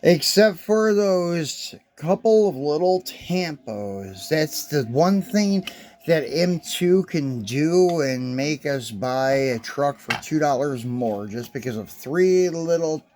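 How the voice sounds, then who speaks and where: A man's voice: a little high, animated, slow, darkish tone. A man casually unboxing and reviewing model trucks, chatty and loose, with filler words and side remarks. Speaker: die-cast collector reviewing toys.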